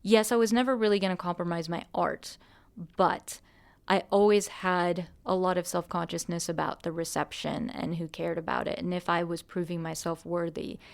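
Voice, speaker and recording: A woman's voice: on the low side, fairly even intonation, moderate pace, creaky. A woman hosting a podcast, an artist talking earnestly and musingly, with restarts and light laughs. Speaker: podcast host and musician. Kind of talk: reflective conversation.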